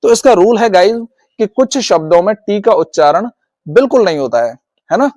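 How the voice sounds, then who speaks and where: A man's voice: high-pitched, lively intonation, moderate pace, a little mellow, no echo. A man with an Indian accent teaching English pronunciation in a video lesson, talking to viewers as "guys" and repeating his points. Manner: repetitive, addresses viewers as guys. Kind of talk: classroom-style video lesson.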